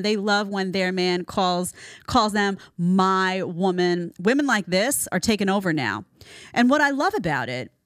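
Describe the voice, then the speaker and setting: A woman's voice: lowish voice, no room sound, clean studio sound. A woman hosting a social commentary podcast, talking emphatically and with strong opinions. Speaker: podcast host.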